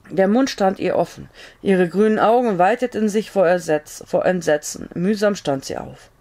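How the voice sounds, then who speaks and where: A woman reading a novel aloud as audiobook narrator, steady storytelling with small slips. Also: on the low side.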